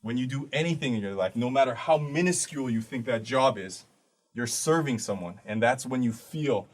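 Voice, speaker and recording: A man's voice: medium pitch, expressive, normal speed. A man giving an earnest, preachy motivational monologue straight to the listener, blunt and tired by the end. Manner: earnest, preachy, direct address with blunt swearing. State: tired, voice fading to quiet. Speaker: artist giving a motivational talk.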